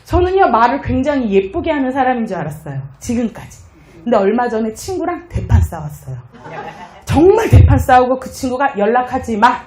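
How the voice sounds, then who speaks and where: A woman's voice: fairly high pitch, a little fast. A middle-aged woman giving a motivational lecture, telling stories, acting out dialogue and leading the audience in chants. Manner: lively, leads audience in chants, acts out dialogue. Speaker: lecturer on happiness and communication. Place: lecture hall with live audience. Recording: echoey lecture room.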